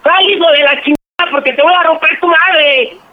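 A man playing a furious jealous husband who shouts threats in a radio prank. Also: very high-pitched, fairly even intonation, normal speed, phone-quality sound.

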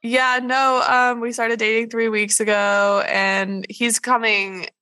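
A woman in her twenties, a podcast guest chatting casually, self-deprecating and quick to laugh. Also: a little high, level tone, sharp tone, clear, resonant tone. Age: 20s. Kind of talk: casual chat.

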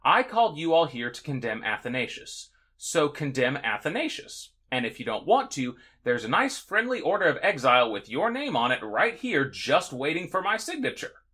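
A man's voice: on the high side, sing-song, normal speed, hardly any pauses, pushed and bright, slightly rough, full character voice. A man voicing an imperious male Roman emperor who makes threats in a mock-casual way during history narration. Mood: mock-friendly threat.

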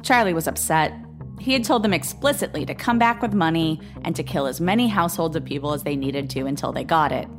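A woman narrating a true-crime story in a measured, grave, scripted way. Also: low-pitched, lively intonation, music in the background. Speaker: podcast narrator.

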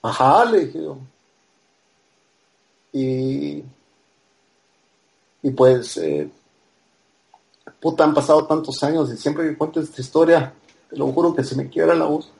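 A man's voice: on the high side, lively intonation, unhurried, creaky, pauses often, a little mellow. A man with a Guatemalan accent, a podcast guest telling a personal story casually. He acts out the dialogue and keeps tagging his lines with a questioning "ah". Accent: Guatemalan Spanish.

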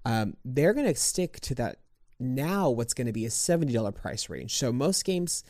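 Podcast co-host, male, mellow dry voice, loose rambling delivery. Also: medium pitch, sing-song, normal speed, no echo. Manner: rambling, full of fillers and restarts. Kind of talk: casual chat.

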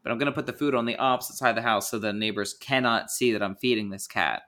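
A man's voice: medium pitch, steady tone, quick pace, pushed and bright. A man co-hosting a podcast, chatting casually and jokingly laying out schemes. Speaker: podcast co-host. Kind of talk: casual chat.

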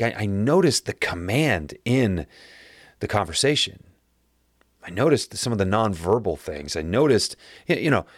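A man hosting his podcast alone, speaking in an earnest, encouraging way with a raspy voice today. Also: medium pitch, no room sound, studio quality. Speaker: podcast host. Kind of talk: solo podcast monologue.

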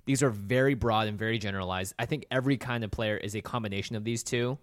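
A man's voice: fairly low pitch, quick pace, no echo, clean studio sound. A man hosting a podcast in casual chat, with a playful, jokey manner. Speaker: podcast host.

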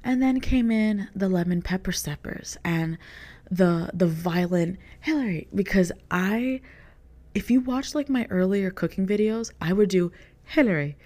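A woman's voice: medium pitch, expressive, a little slow, dark tone. A young woman, a content creator, talking casually in a rambling podcast monologue, filling her sentences with "like". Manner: rambling, heavy use of "like" as filler.

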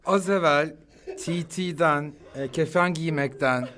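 A man's voice: fairly high pitch, takes it slowly, a bit bright. A man hosting an interview, asking blunt, puzzled questions. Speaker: interviewer, host. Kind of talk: casual interview.

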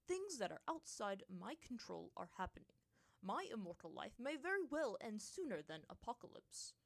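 A woman voices an aged monkey monk spirit from a storybook, a grumpy, aloof figure who speaks in curt, dismissive lines with a flat delivery. The voice is medium-pitched and creaky at normal speed, with a grave mood, recorded dry and close with no echo.

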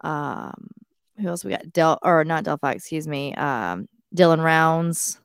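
A woman's voice: low voice, unhurried, gravelly, smooth, no room sound, studio quality. A woman co-hosting a casual true-crime livestream podcast, chatting and giving case updates. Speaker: podcast co-host.

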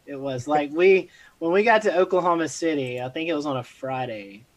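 A man's voice: on the high side, fairly quick, dry recording, low-quality recording. A man chatting casually as a storm chaser, rambling and repeating his phrases. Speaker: storm chaser on a weather show. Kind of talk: casual chat with some field reporting.

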